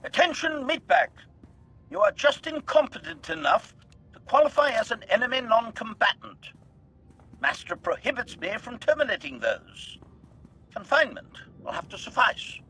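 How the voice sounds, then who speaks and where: Smooth, cold combat android. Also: male voice, very high voice, big pitch swings, moderate pace, sharp tone, heavily acted, rough recording. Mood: cold, mocking. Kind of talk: video game character dialogue.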